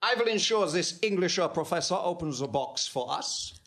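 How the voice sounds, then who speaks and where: A man's voice: high voice, animated, normal speed, a bit bright. A man voicing a forgetful, injured German baron henchman with a put-on German accent in a comedy audio drama, flustered and eager to please. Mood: pleading.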